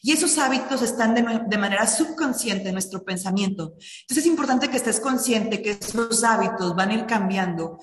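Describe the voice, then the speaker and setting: A woman's voice: mid-range voice, animated, normal speed. A middle-aged woman giving an earnest motivational talk that addresses listeners directly. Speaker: speaker on personal finance and habits. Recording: echoey room with long reverb.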